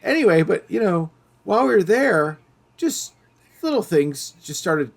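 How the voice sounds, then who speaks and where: A man's voice: high-pitched, unhurried, creaky. A middle-aged man hosting a podcast, telling stories in casual chat and acting out the voices of the people in them. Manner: animated storyteller, acting out quoted voices. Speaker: podcast host.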